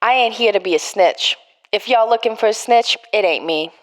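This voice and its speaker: A woman's voice: mid-range voice, moderate pace, lightly acted. A woman voicing a hardened male prison gang captain in a murder mystery game, trying for a Boston accent that keeps slipping. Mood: tough.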